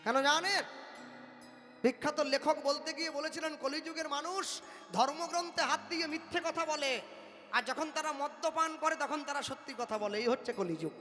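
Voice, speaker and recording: A man's voice: extremely high pitch, moderate pace, sharp tone. A man preaching a devotional sermon, delivering it in an impassioned, rhythmic, declamatory way. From West Bengal, India. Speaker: kirtan preacher. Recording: reverberant hall with faint music.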